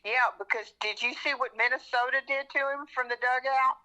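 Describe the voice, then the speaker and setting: A woman's voice: high-pitched, fairly even intonation, fairly quick, pushed and bright, poor audio. A woman chatting casually about sports as an easygoing, agreeable fan. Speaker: regular guest.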